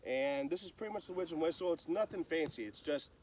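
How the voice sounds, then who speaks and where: A man's voice: fairly high pitch, fast talker, darkish tone, far from the mic, a little hiss or hum, low-quality recording. A man giving casual, folksy, plain-spoken instruction as a hunter sharing calling tips.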